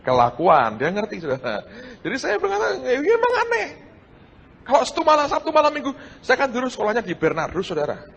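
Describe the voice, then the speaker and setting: A middle-aged man, preaching a sermon and telling his own story, swinging between hushed and loud. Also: high-pitched, quick pace, creaky, breathy edge, lo-fi sound. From Indonesia. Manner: animated, shifts between hushed and loud, addresses audience as saudara. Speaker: pastor. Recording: large hall with long reverb and faint noise.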